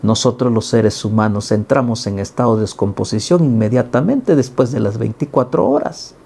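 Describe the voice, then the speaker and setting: Gravelly husky male preacher. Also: medium pitch, normal speed, a little mellow. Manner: earnest, rising to emphatic peaks when quoting. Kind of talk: daily Bible reading sermon.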